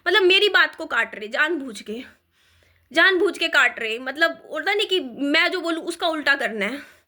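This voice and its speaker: A woman's voice: high-pitched, expressive, moderate pace, sharp tone. A young woman ranting in a vlog, upset and stumbling, restarting her sentences as she vents. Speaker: vlogger. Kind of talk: emotional vlog rant.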